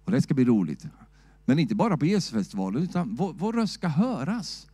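A middle-aged man preaching a sermon in a church, shouting at times and asking the church "va?" in a loose, talky way. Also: a little high, very animated, breathy edge, no echo. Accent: Swedish. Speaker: pastor.

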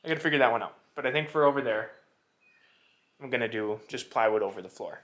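A man's voice: mid-range voice, quick pace, a bit bright. A man vlogging a do-it-yourself barn renovation, talking to camera in a casual, unsure way and thinking aloud as he goes. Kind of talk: casual walkthrough talk to camera. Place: inside an old barn.

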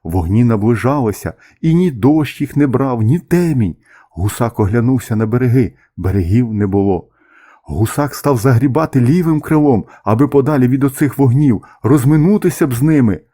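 A man narrating a children's story as an expressive, measured audiobook reading. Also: medium pitch, slightly rough.

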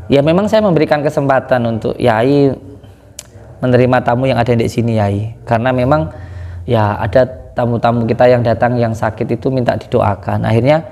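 A man giving a casual spoken account to a religious teacher, animated, his voice climbing high when he is indignant. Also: fairly quick. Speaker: guest speaking to a kiai. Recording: long hall reverb.

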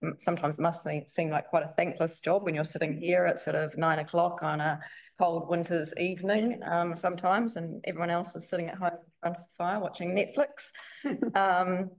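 A woman gives an informal address to a local council meeting. Her voice sits fairly low, and she fills her speech with ums and restarts as she reads loosely from notes. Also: fairly even intonation, moderate pace. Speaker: member of the public.

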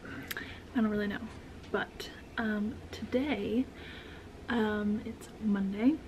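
A woman's voice: mid-range voice, steady tone, slow pace, a little mellow. Subdued young woman with swollen, irritated throat. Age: 20s. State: swollen, irritated throat with mucus, slightly thick voice. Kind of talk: casual vlog chat. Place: dim living room at home. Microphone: camera mic, close in front. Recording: noisy home recording, household sounds behind.

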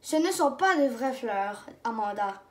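A woman reading a storybook aloud, voicing a calm older boy cousin who explains and reassures. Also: fairly high pitch, a little slow, pitched below the performer's own voice. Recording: roomy echo.

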